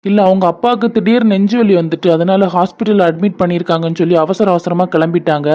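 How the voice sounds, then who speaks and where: Man doing a chatty young coworker, kanyakumari tamil accent, quick and highish, lo-fi. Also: fairly even intonation, close to an everyday voice. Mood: helpful. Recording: lo-fi dull audio.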